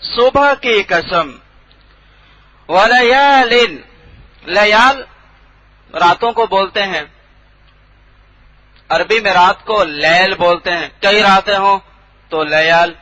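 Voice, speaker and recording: A high, bright-toned man teaches a Quran translation class in a room with no board. He stops often to quiz the students and says each word again slowly. The recording is dull and lo-fi. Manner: drills students with questions and repeats words slowly.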